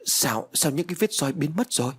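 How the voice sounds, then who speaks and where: Panicky older mother, fretful, played by a man narrator, raised pitch. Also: animated, brisk, breathy edge. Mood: shocked.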